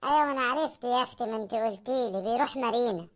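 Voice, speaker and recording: A fast-talking cartoon husband, voiced by a woman grumbles about prices and pleads for a proper meal in Egyptian Arabic. The voice sits fairly high and the delivery is whiny and complaining. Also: natural voice. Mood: grumbling. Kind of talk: cartoon comedy voice acting.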